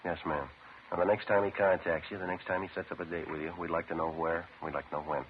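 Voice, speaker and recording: An actor playing a terse, businesslike police sergeant in an old radio crime drama, narrating and questioning in clipped, deadpan, matter-of-fact style. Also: male voice, sits low, fast talker, slight background noise, lightly acted. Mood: flat, polite. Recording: old muffled radio recording with music.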